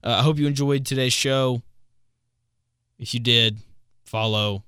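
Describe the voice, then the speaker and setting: Young man, twenties, podcast host, casual chat, amused, mid-pitched voice, dry close sound. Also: fairly even intonation, measured pace, sharp tone, clean tone, no echo. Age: 20s. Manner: amused, laughing at his own stories.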